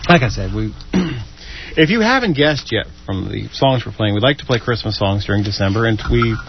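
A man's voice: fairly low pitch, expressive, brisk, creaky, over music. A man hosting a late-night radio show, bantering casually with co-hosts, laughing often and poking fun at himself. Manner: chatty, laughs often, playful and self-mocking. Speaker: radio host. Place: radio studio. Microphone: studio microphone. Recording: slightly dull radio broadcast audio.

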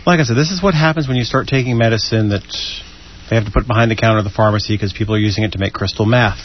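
A man's voice: medium pitch, animated, fairly quick, pauses often, a little hiss or hum. A man hosting a late-night radio show, bantering casually with co-hosts, laughing often and poking fun at himself. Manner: chatty, laughs often, playful and self-mocking. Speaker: radio host. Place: radio studio. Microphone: studio microphone. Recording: slightly dull radio broadcast audio.

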